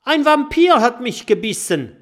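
Freaked-out spiky dragon, super high shrill voice, stammers a lot. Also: male voice, big pitch swings, slow. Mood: alarmed. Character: panicky spiny dragon, convinced a vampire bit him.

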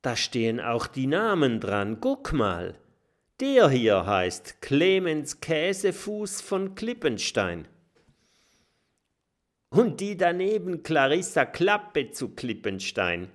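A timid young porcupine girl who whispers and frets about every creak, voiced by a man in a high, bright voice. She sounds jittery and hushed throughout the storybook. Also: huge pitch swings, slow, exaggerated voice. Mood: amused. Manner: whispering, nervous, stuttering when scared. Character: timid young female porcupine, easily frightened.

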